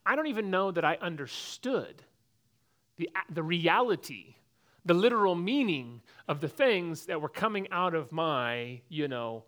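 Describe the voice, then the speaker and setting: Man preaching with animated storytelling. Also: on the high side. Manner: animated storytelling, acts out shouted exchanges. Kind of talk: sermon with personal story.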